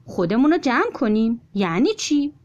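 A woman's voice: on the high side, big pitch swings, a little mellow, muffled recording, pitched above the performer's own voice. A woman voicing a young rabbit boy who argues back indignantly. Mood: defiant.

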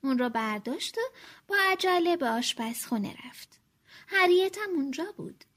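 A woman reading a children's storybook aloud, with a high voice. Her pitch moves in wide, lively swings. She slows down for emphasis. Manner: expressive, slowing for emphasis.

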